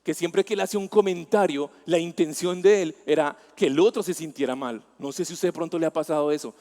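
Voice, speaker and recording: A man's voice: a little high, quick pace, darkish tone. A man with a Colombian accent preaching a sermon, asking the congregation questions and telling personal stories in a conversational way. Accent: Colombian Spanish, Bogotá. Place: church hall. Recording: long church-hall reverb.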